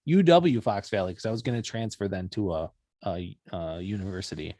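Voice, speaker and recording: A man's voice: fairly low pitch, a little fast, mellow, dry recording, clean studio sound. A young man from Wisconsin co-hosting a podcast, chatting casually and teasing with joking banter. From Wisconsin, USA. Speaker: podcast co-host. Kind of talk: casual chat.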